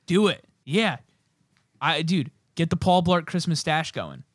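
A man's voice: a little high, lively intonation, a little slow, slightly rough. A young man co-hosting a podcast, riffing in hyped, jokey casual banter. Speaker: podcast co-host.

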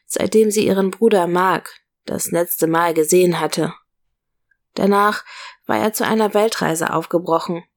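A woman reading a story aloud as narrator, in a calm, measured way. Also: fairly low pitch.

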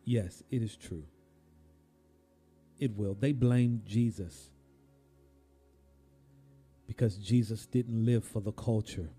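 Slow, deep-toned preaching pastor. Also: male voice, breathy edge, soft background music. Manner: slow preaching cadence with sudden rises and hushed drops. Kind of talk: sermon.

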